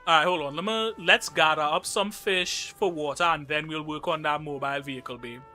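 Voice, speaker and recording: During a casual live-stream gaming session, a young man from Trinidad and Tobago speaks loosely with a Trinidadian accent at a slightly fast pace. He jokes and reads chat aloud in a bright voice that sits a bit high, with faint game music in the background.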